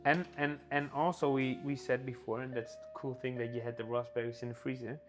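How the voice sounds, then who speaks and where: A guest chef chats casually while cooking in a kitchen, talking enthusiastically about food and often restarting and repeating words. His mid-range voice is flat and a little fast. Music plays in the background.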